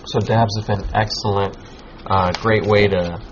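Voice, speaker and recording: A man's voice: on the low side, fairly even intonation, unhurried. A man chatting casually in a laid-back, slangy stoner manner, rambling and swearing as he hosts. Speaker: podcast host. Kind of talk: casual chat, giving advice. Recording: muffled lo-fi with background noise.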